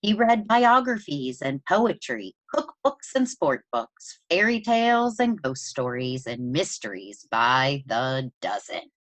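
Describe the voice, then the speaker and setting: A low-voiced woman presenter reads a picture book to children, unhurried and highly animated in pitch, deliberately stressing key words in expressive storytelling. The sound is close and dry, with no room sound.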